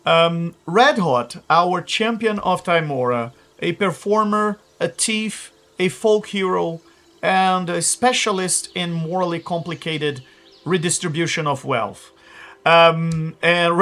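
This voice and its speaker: A man with a somewhat raised voice hosts a live tabletop session. He talks in a loose, chatty way, stumbling over words and filling pauses with ums and uhs. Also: fairly high pitch, fairly bright tone. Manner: chatty, hesitant with many fillers, laughing asides. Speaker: game master. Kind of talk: live-play host introducing players.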